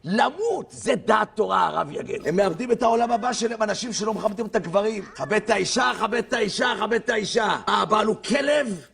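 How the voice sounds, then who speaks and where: A man preaching a fiery religious sermon, shouting and breaking into sing-song outbursts. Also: sits high, lively intonation, creaky, few pauses, breathy edge. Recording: distant voice with faint noise.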